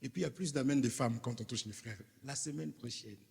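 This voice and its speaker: Husky Congolese preacher in a hall. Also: male voice, medium pitch, fairly quick, darkish tone. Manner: emphatic, preaching to the congregation with rhetorical questions. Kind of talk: sermon. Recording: reverberant hall.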